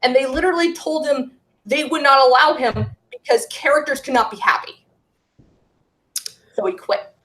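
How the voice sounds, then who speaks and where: High-voiced woman ranting in a roomy space. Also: a little fast, fairly bright tone. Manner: ranting, talkative. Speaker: podcast guest. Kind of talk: casual chat. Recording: roomy echo.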